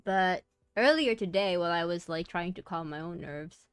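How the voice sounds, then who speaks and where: A young woman streams and chats casually with her viewers. She talks softly and rambles, working her thoughts out aloud as she goes. Her voice sits a little low for a woman and sounds smooth and clear, with a close, dry sound. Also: moderate pace, no echo. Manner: rambling, soft-spoken, talks herself through thoughts. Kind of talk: casual chat.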